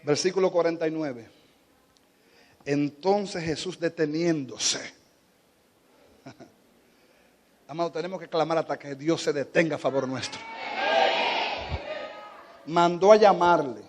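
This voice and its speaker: A man with a Dominican Spanish accent preaching a sermon as a pastor, moving between quiet teaching and fervent, shouted exhortation. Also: on the high side, takes it slowly, pauses often, big-room sound.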